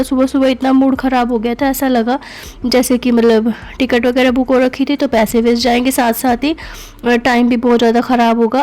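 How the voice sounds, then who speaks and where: The voice belongs to a young woman, a family vlogger doing voice-over narration. It is a little high with a darkish tone, and she talks in a chatty way with many fillers like "na" and "matlab."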